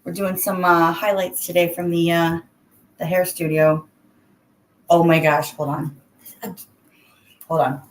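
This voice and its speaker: A woman with a lowish, level voice hosts a casual, chatty livestream from a bathroom, speaking at a measured pace with frequent pauses. She greets viewers by name as she goes. The bathroom echoes, and background noise is clearly audible.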